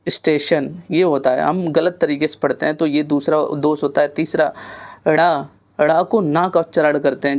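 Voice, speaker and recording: A man teaching an online exam-prep Hindi lesson from north India, explaining slowly, repeating words to demonstrate pronunciation and mixing in English words. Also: fairly high pitch, darkish tone. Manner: self-corrects and mixes in English words.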